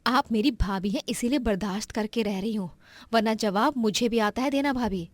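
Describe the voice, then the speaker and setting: A woman voicing a defiant young unmarried sister-in-law in a cartoon story, with a shrill and indignant manner. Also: normal speed, no room sound, natural voice.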